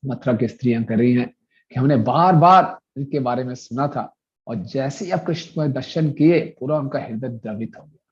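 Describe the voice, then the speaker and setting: A man's voice: medium pitch, moderate pace, highs cut off. A male preacher telling a devotional story, acting out the characters' dialogue as he goes.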